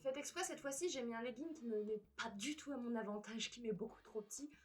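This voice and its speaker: A young woman vlogging casually to camera in a room, frank and expressive, swearing now and then. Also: on the high side, fast talker. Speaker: fitness and weight-loss vlogger. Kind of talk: casual vlog talk to camera.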